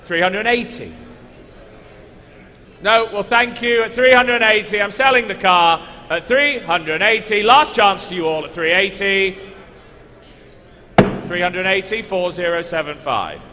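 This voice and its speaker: High-pitched male auctioneer in an echoing hall. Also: a little slow, long pauses, bright, forceful tone. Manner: repeats figures insistently, coaxing bidders. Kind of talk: live car auction bid-calling. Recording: echoey large hall, background noise.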